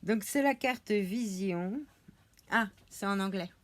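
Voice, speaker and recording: At home, a French woman with a medium-pitched voice chats casually and slowly while unboxing a witchcraft subscription box. She's hesitant, full of fillers, and laughs easily as she shows off each item.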